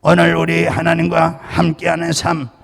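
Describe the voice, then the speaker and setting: A male pastor from Chungcheong delivers a Sunday sermon with emphatic, repetitive exhortations and some light humor. His voice is strongly gravelly and sits a little high. The sound rings with a long church-hall reverb. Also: monotone, moderate pace. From Chungcheong, Korea. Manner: emphatic preaching with repeated calls to believe; jokes with the congregation. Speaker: senior pastor. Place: church sanctuary.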